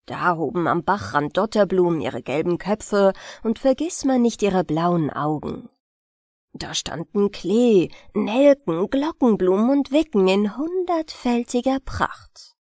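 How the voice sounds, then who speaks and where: A woman narrating a fairy tale audiobook in a calm, expressive manner, close to the mic. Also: mid-range voice, unhurried, dry recording. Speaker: audiobook reader. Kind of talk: storybook narration.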